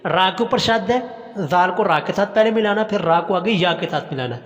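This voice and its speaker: A man teaching Quran recitation, chanting each phrase slowly and then explaining how to pronounce it. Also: sits high, expressive, a bit bright, big-room sound, dull audio. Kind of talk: recitation lesson.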